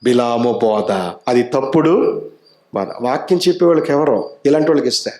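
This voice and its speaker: A man's voice: medium pitch, lively intonation, moderate pace, darkish tone, echoey room. A man with an Andhra Telugu accent preaching a sermon as an evangelist, asking the congregation rhetorical questions and telling stories in quoted voices. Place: church anniversary meeting hall.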